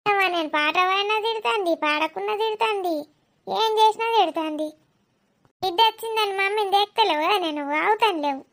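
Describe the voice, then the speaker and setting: A woman's voice: very high voice, fairly quick, a bit bright. A woman playing a blunt, scolding older village mother, teasing and mocking in a rustic way. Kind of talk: comedy skit acting.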